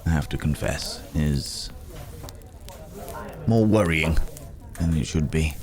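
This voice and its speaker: Crowd noise sits behind this bass-voiced man as he plays a tired, polite werewolf wanderer in a close fantasy ASMR roleplay. He speaks in a hesitant, reflective way, adding gentle hums.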